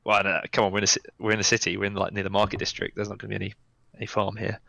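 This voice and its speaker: A man's voice: lowish voice, monotone, rapid-fire, creaky, bright, forceful tone, poor audio. A man, playing in a tabletop game, chatty and thinking aloud as he plans. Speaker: player. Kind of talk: casual tabletop game chat.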